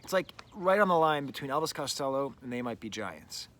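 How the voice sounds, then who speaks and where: A middle-aged man hosts a casual album review outdoors with birds nearby, rambling chattily with lots of "like" and "you know." He's a music reviewer and show host whose mid-range voice is fairly quick and fairly bright, swinging widely in pitch, with a little hiss or hum.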